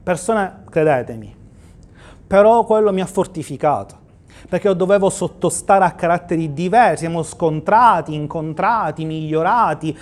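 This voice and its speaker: A pastor preaching a livestreamed sermon in church, asking rhetorical questions and quoting scripture. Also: male voice, high-pitched, a little mellow.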